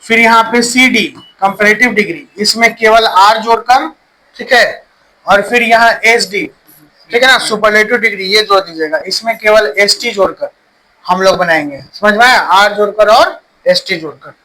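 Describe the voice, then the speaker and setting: A man teaching an English grammar lesson, dictating slowly and checking in with his students. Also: high-pitched, bright, forceful tone, a little hiss or hum, rough recording.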